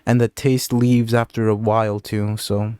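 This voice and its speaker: A young man giving a casual, deadpan review of candies, with sarcastic jokes and scores out of ten. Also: fairly low pitch, measured pace, clear, resonant tone, no room sound. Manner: deadpan, sarcastic, jokey asides. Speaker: candy reviewer. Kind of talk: casual comedic review vlog.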